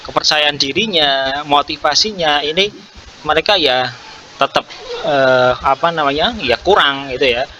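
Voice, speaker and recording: A man's voice: a little high, measured pace, bright, forceful tone, slight background noise. A man, coaching a fellow teacher in a hesitant, encouraging way, with many fillers. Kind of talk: coaching conversation practice.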